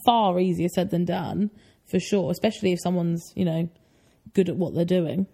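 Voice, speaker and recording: Creaky-voiced woman in her twenties. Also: on the low side, fairly even intonation, normal speed, dark tone. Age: 20s. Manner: chatty, agreeing, says "for sure" often. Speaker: podcast co-host. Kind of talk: casual chat.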